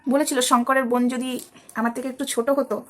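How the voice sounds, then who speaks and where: A woman's voice: high voice, little pitch movement, fairly quick. A woman talking straight to her viewers in a heated commentary vlog, scolding and angry. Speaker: social media commentator.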